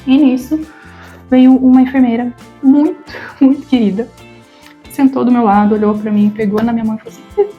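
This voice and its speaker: A woman's voice: a little high, fairly even intonation, a little fast, phone-quality sound, faint music behind. A woman in her thirties with a Brazilian Portuguese accent, telling her own story to camera in a vlog, emotional and stammering at times, acting out the voices of the people she quotes. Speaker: vlogger.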